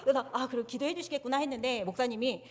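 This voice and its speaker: A woman's voice: high-pitched, very fast, a little mellow, a little hiss or hum. A woman giving a personal testimony to her church congregation on a handheld microphone, telling her story candidly and poking fun at herself. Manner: candid, self-mocking storytelling. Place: church sanctuary.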